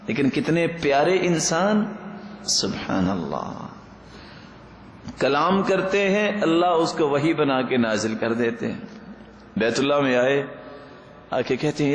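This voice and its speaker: A man preaching a sermon at a medium pitch, his voice swelling with fervent emphasis and breaking into melodic chanted quotations. The sound rings around a roomy, echoing space with a faint hum of ambience underneath. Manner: impassioned, rising emphasis with chanted Arabic quotations.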